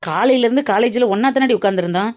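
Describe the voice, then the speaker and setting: A woman's voice: a little high, racing, a little mellow, lightly acted. A woman voicing Muthu, a teasing comic cartoon friend. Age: young adult. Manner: teasing, dramatic and chatty. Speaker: cartoon character. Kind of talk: cartoon voice acting.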